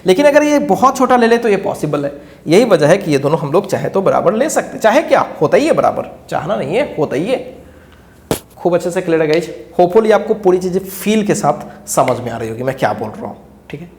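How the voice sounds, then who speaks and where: A man's voice: sits high, sing-song, fairly quick, darkish tone. A male teacher giving a lecture who keeps quizzing his students with rhetorical questions and repeats key phrases as he explains. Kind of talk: classroom lecture. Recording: echoey room.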